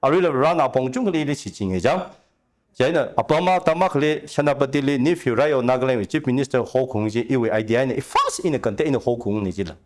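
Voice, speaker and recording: A man speaking at length as a talk show guest, giving long animated explanations with rising emphasis. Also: medium pitch, quick pace. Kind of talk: conversational discussion.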